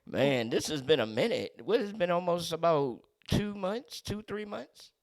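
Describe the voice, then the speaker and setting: A man hosting a casual talk show, animated and laughing often. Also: fairly high pitch, unhurried, no echo. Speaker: podcast host. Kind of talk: casual chat.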